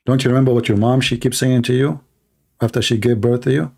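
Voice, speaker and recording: A man's voice: mid-range voice, steady tone, quick pace, creaky, darkish tone. A man hosting a live debate call-in show, mocking and combative, talking over his caller and pressing the same questions again and again.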